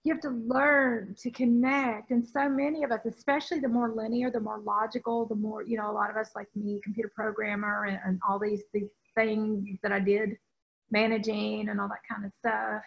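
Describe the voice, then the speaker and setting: A woman spiritual teacher in casual chat, animated, acting out quoted voices with many restarts. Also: medium pitch, moderate pace, vocal fry, slightly rough, highs cut off. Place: outdoors on an island.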